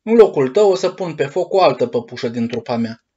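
Male narrator as storybook puppet-master: hoarse, gruff, grumpy but soft inside; dull lo-fi sound. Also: medium pitch, lively intonation. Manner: gruff, shouting, sneezing.

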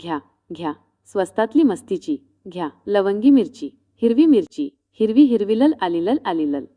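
A woman's voice: very animated, normal speed, warm tone. A woman voicing a weary middle-aged male vegetable seller who hawks his goods and gives folksy advice. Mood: hawking. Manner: low hawker calls, folksy advice.

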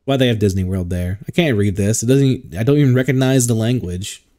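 A man's voice: lowish voice, a little fast, mellow. Crude joking man playing a video game. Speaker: gaming streamer. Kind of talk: let's play commentary.

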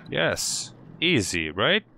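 A man's voice: mid-range voice, very animated, drawn-out words, gravelly, sharp tone, slight background noise. A man hosting a horror game playthrough, jumpy and swearing, talking to himself and to the game as he plays. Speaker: gaming channel host. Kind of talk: let's play commentary.

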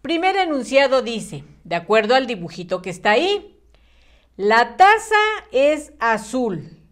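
A woman's voice: fairly high pitch, sing-song, a little slow. A woman teaching a children's spelling lesson, patient and sing-song, using diminutives. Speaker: primary school teacher.

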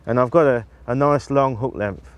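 Outdoors on a riverbank, a match angler in his forties talks to camera about his tackle, demonstrating tactics in a practical, explanatory way and often restarting sentences. His voice is ordinary middle pitch at a moderate pace, recorded close on a lapel mic with lo-fi sound.

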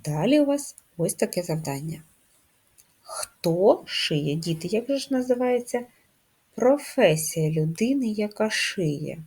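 Slow, husky-voiced woman teaching first graders. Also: medium pitch, lively intonation, darkish tone. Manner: slow, patient, clearly articulated instructions. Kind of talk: handwriting lesson for young children.

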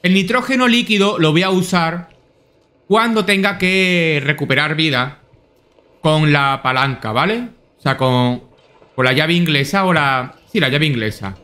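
A young man with a Spanish accent from Spain commentating his gameplay to himself, excitable and swearing freely. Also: on the high side, measured pace. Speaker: gameplay streamer.

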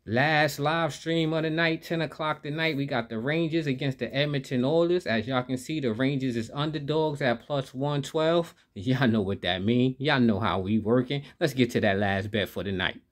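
A man hosts his own sports betting channel, speaking at an ordinary middle pitch. He keeps the energy up and talks straight to his viewers while he runs through his picks. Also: normal speed, few pauses. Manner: upbeat, hypes viewers, talks straight to the audience. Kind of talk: hyped betting picks vlog.

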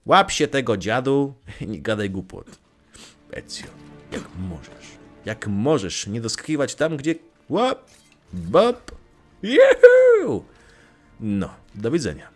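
A man's voice: on the low side, expressive, a little slow, soft background music. A young man casually commenting on his gameplay, joking, swearing lightly and talking back to the game characters. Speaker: let's play gamer.

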